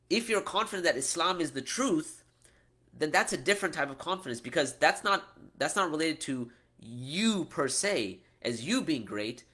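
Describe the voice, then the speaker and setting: A middle-aged American man who teaches Islam answers questions in a relaxed talk, his medium-pitched voice carrying a sharp tone. He speaks conversationally, frequently closing points with "right?" and often restarting his sentences.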